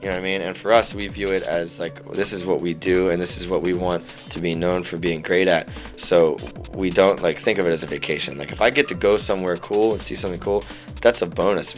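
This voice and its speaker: A young band singer chats casually in an interview, laid back and swearing freely as he peppers his talk with "like" and "man." His voice sits low, with loud music playing behind him.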